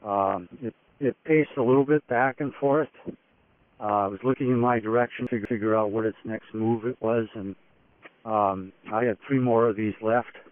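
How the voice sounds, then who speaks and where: A man giving an unscripted first-person expedition report, telling it in a halting, matter-of-fact way in short phrases. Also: on the low side, steady tone, no room sound. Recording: dull radio-like phone link, dry.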